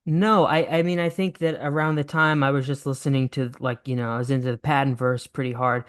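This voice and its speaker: A man's voice: mid-range voice, steady tone, fairly quick, fairly bright tone, smooth. A nineteen-year-old man, a podcast guest, talking in an easygoing, enthusiastic way full of fillers. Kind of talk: casual interview chat.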